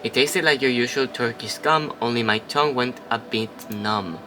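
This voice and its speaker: A man's voice: mid-range voice, normal speed, noisy background. A man casually playing a story game, reading its narration aloud and chatting between lines, now and then swearing. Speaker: let's play host.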